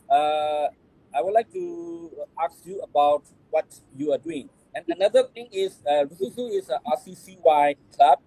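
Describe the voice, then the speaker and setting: A man's voice: fairly high pitch, warm tone, low-quality recording. A man with a Burmese accent co-hosts a live-streamed panel, speaking hesitant English and often repeating his words. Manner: hesitant, repetitive non-native English. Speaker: club leader and co-host.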